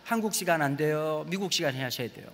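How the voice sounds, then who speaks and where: Animated Gyeongsang-accented preacher man. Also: fairly high pitch, quick pace. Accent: Gyeongsang Korean. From Gyeongsang region, Korea. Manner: animated storytelling, swings between loud exclamations and hushed asides. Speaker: guest preacher. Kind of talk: sermon with personal testimony. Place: church sanctuary. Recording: church hall with long reverb.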